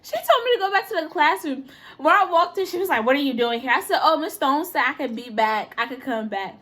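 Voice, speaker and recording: A young woman in casual chat, telling school stories in an animated way and acting out the people she quotes. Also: high-pitched, a little fast. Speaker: storyteller.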